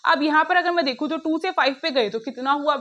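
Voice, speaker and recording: A woman teacher explaining puzzles step by step in a brisk, coaxing way, talking straight to her students. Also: high-pitched, fairly bright tone, dull audio. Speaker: online teacher. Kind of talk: classroom lesson explaining puzzles.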